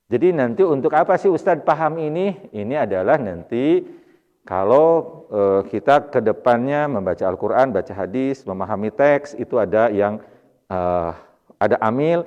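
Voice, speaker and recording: A man with a Sundanese accent teaches Arabic grammar to a mosque study circle, speaking at normal speed with a medium pitch and lively intonation. He explains patiently and repeats Arabic words with stress. The recording, made in the mosque hall, is dull and lo-fi with hall reverb.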